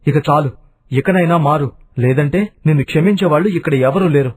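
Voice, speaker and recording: A man voicing a stern young nephew in an animated storybook, firm and commanding. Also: fairly high pitch, a little fast, husky.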